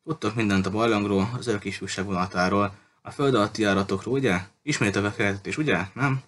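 A man's voice: on the low side, a bit bright. A man voicing a distraught teenage boy who keeps pressing for answers in an audiobook reading. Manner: pleading, urgent questioning.

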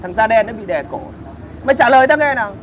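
A man's voice: very high-pitched, expressive, fast. A man, hosting a casual livestream where he rants crudely and combatively while answering comments.

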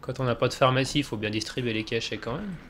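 A man's voice: medium pitch, fast, fairly bright tone, slight background noise. A man casually commentating a video game he plays, joking and chatting with himself. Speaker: let's play gamer. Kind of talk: casual let's play commentary.

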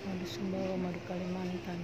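A woman's voice: on the low side, monotone, brisk. A woman vlogging as she shops in an indoor food shop, chatting and exclaiming, filmed on a handheld phone. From Indonesia. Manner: chatty, exclaiming, mixing English and Indonesian. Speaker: vlogger shopping. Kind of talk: casual chat. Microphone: handheld phone camera. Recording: loud shop background noise.

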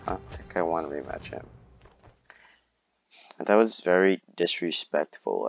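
Young dude rambling thru his gameplay, deep fry in his voice, jokey and jumpy. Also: muffled recording, a little hiss or hum. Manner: excitable, rambling, playfully self-mocking. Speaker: gamer. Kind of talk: live gameplay commentary.

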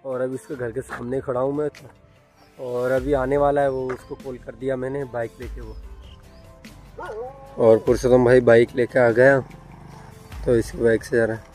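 A man's voice: mid-range voice, flat delivery, moderate pace, long pauses, a little mellow, faint music behind. A young man narrating his daily life in a casual vlog, talking into a phone held at arm's length outdoors. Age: young adult. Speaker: vlogger. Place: outdoors, on farm fields and streets.

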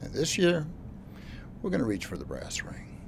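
A pushy middle-aged TV producer in a film drama. His animated voice swings up and down as he brushes objections aside. Audible background noise sits under him. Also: medium pitch, creaky. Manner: brisk, persuasive, dismissive. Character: pushy male TV producer, schedule-minded.

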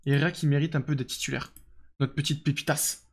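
Young guy streaming a football game, talks fast, kinda high voice, lots of euh and chatting with chat. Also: steady tone. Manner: chatty, reads and answers chat, lots of fillers. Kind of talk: casual live game commentary.

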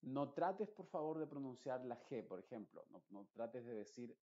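Dark-voiced man teaching pronunciation. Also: medium pitch, lively intonation, moderate pace, lo-fi sound. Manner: explains patiently with many restatements. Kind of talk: explanatory lesson.

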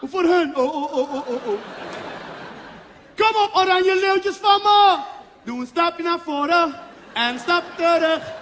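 Man putting on a Surinamese Dutch accent, brash football coach, high pitch, shouty, long hall echo. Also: expressive, slow pace, long pauses, a faint crowd, full character voice. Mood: bossy shouting. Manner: shouting, bossy, laughing. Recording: long hall reverb, faint noise.

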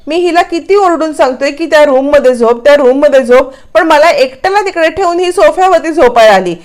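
A whiny young husband who pleads and complains to his mother, as a woman narrator puts him on. He is voiced high, above the narrator's usual pitch, in a storytelling recap. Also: animated, a little fast, a little mellow. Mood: pleading. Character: young married man, pleading, whiny son.

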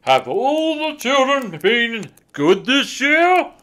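A man voicing a jolly old Santa Claus in a storybook, hearty and booming, with drawn-out exclamations. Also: sing-song, fairly bright tone, heavily acted. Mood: booming, jovial.

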